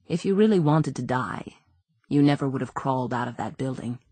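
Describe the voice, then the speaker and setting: A calm, unseen visitor presses gently but won't let go, as a woman narrator puts the voice on. Low, husky and dry, close to the mic. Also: fairly quick, no echo, exaggerated voice. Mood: insistent. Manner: quietly insistent.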